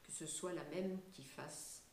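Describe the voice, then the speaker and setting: A woman's voice: deep voice, unhurried, roomy sound, slight background noise. An older woman being interviewed, talking casually and hesitantly with many fillers and light laughs. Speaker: singer and voice actress, guest.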